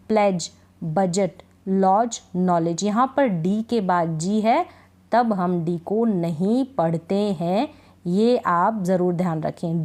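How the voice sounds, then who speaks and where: Slow, patient woman teaching phonics. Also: mid-range voice, darkish tone. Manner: slow, repetitive drilling of words, frequent "thik hai" check-ins. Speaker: English reading teacher. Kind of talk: Hindi-language phonics lesson.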